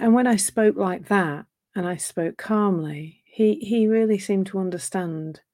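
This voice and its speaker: A coach gives a live talk on relationships, speaking gently and thoughtfully in a low voice made slightly croaky by a sore throat. She frequently restarts her phrases while reflecting out loud.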